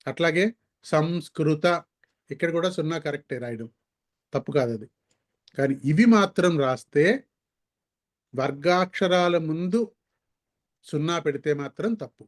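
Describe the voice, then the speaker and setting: A man teaching a language lesson, slowly sounding out syllables and words to demonstrate pronunciation. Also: on the high side. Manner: slow, careful demonstration of sounds. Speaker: Sanskrit teacher.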